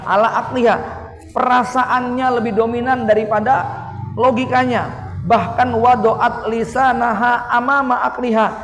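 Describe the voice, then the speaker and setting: Casting note: Javanese male preacher, high-pitched, joking, folksy sermon delivery, long hall reverb. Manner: humorous, folksy, acts out quoted wife and husband. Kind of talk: mosque sermon. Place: mosque hall. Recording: echoey mosque hall reverb.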